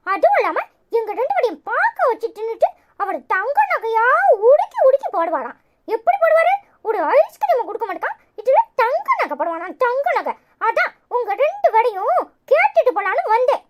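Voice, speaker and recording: A woman's voice: very high-pitched, big pitch swings, moderate pace, a little hiss or hum. A woman voicing a feisty, stubborn little village girl with a Kanyakumari Tamil accent, arguing sarcastically in a cartoon. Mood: indignant. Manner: sharp, argumentative, sarcastic retorts. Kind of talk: cartoon voice acting.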